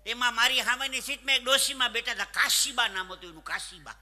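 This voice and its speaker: Male folk comedian, high bright voice, live stage show with long hall reverb, animated punchlines. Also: quick pace. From Saurashtra, Gujarat. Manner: animated joke-telling, punchlines. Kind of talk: live stand-up storytelling.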